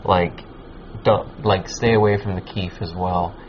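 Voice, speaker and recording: A man with a fairly low voice talks like a laid-back stoner, rambling in loose slang and swearing freely. He hosts in a casual chatting style. The recording is a bit dull, with faint noise behind him. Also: steady tone, unhurried. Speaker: podcast host. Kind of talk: casual chat, giving advice. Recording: muffled lo-fi with background noise.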